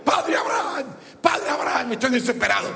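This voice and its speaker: Casting: a preacher doing a desperate damned rich man, wailing, high and gravelly, in a reverberant hall. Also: animated, moderate pace, bright, forceful tone, shouting, some chatter behind, heavily acted. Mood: pleading. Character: tormented rich man begging from hell.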